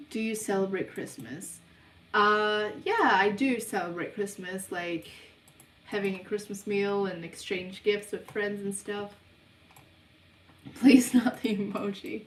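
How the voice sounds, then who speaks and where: A young woman from New hosts a casual livestream Q&A, reading viewers' questions aloud and answering in an unhurried, hesitant way with lots of ums. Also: mid-range voice, distant mic. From New Zealand. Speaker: livestream host of a subliminal channel. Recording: roomy sound, voice away from the mic.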